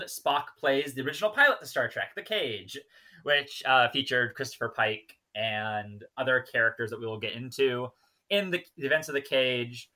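A podcast co-host with a medium-pitched, bright, forceful voice recaps an episode and chats casually, dropping wry asides.

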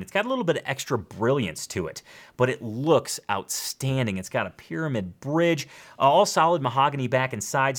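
A man's voice: mid-range voice, a bit bright. A man with an American accent hosting a show in an emphatic, enthusiastic top ten countdown style. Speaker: guitar show host.

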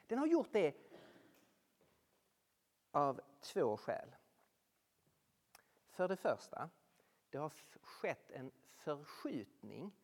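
Casting: lively preacher, big pitch swings, long hall reverb, sermon to an audience. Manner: animated, rhetorical questions, swings between loud and hushed. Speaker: speaker addressing a Norwegian audience.

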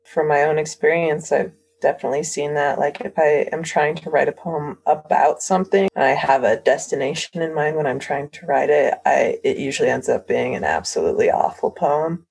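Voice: mid-range voice, a little fast, creaky, hardly any pauses, darkish tone, breathy edge, rough recording. A young student giving a tentative, reflective answer in a class discussion.

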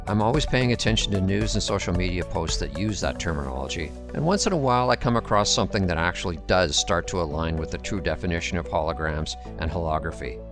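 Low-pitched male host, measured delivery, music bed behind. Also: animated. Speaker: podcast host. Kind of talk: scripted intro then casual interview.

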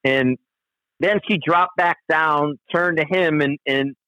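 A man's voice: on the high side, slow, bright, forceful tone, no echo. A man telling a long outdoor story in casual conversation, rambling and profane, with frequent restarts. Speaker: guest storyteller. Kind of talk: casual spoken anecdote. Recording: dull, dry lo-fi recording.

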